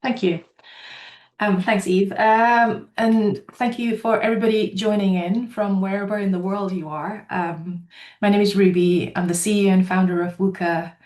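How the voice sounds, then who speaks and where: A woman's voice: mid-range voice, steady tone, moderate pace, a little mellow, reverberant. A woman from Nepal with a Nepali accent, speaking as a company founder at a webinar and earnestly telling her own story with frequent ums. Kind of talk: webinar talk.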